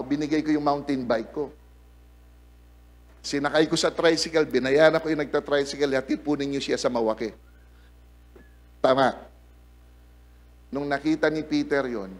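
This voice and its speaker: A man with a notably high voice preaches to a gathered congregation. He is a middle-aged pastor who tells stories from the pulpit and keeps the room engaged by calling for amens. His delivery is lively and personal. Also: normal speed, pauses often. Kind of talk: sermon with storytelling. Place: church service before a congregation.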